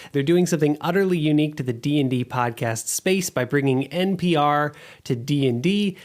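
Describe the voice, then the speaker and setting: A podcast host with a slightly high voice talks briskly and enthusiastically, moving from scripted introductions into casual interview conversation.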